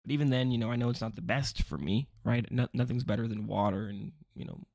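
A man's voice: mid-range voice, fast talker, vocal fry, a little mellow, dry recording, clean studio sound. A young man rambling through a casual commentary video, joking and interrupting himself often. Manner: rambling, self-interrupting, jokey asides. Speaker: vlogger.

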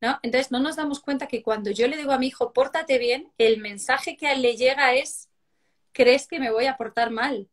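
A woman's voice: high voice, normal speed. A woman hosting a parenting live stream, reflective and often ending with a questioning "no". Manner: reflective, hedges with "¿no?". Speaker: host, mother.

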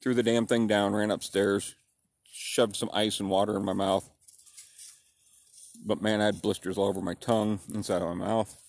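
A man in his fifties telling a childhood story in a plain, unhurried way, with a pipe in his mouth. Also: lowish voice, flat delivery, vocal fry, a little mellow, dry recording. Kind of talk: casual personal storytelling.

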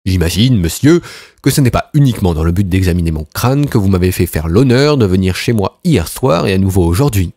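A man's voice: sits low, expressive, brisk, dark tone, dry recording. A man reading an audiobook and voicing a brilliant male detective who lays out his deductions in a confident, precise manner. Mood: courteous. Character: brilliant, self-assured male detective, dry and incisive.

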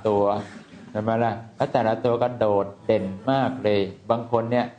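Lively male Buddhist monk teaching. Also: on the low side, normal speed, muffled recording. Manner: lively, repetitive, mimics people he describes. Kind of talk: informal dharma teaching.

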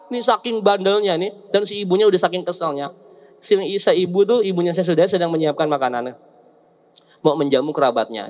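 A male preacher, giving a lively, joking sermon to a seated audience and often teasing them. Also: a little high. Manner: joking, teasing the audience with asides and acted quotes.

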